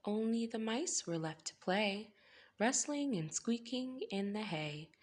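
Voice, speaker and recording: A woman with an expressive, mid-range voice reads a picture book aloud for little kids, hosting storytime. Her phrasing is gentle and measured, with playful emphasis.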